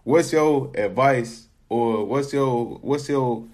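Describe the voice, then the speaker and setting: A man's voice: medium pitch, slow pace, a little mellow. A man hosting a podcast, talking in a laid-back slangy way, often repeating words as he thinks. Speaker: podcast host. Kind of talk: casual podcast chat.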